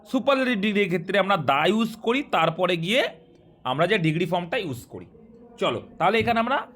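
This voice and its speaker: A man. He explains each rule patiently, then checks understanding with quick questions to the class. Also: high voice, fairly bright tone. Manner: explains step by step and quizzes students. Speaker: teacher. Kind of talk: grammar lesson.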